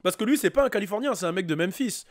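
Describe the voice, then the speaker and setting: A man hosting a YouTube reaction video, talking casually and excitedly to his viewers with lots of fillers. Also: sits high, racing. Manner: excitable, hyped, chatty with many fillers.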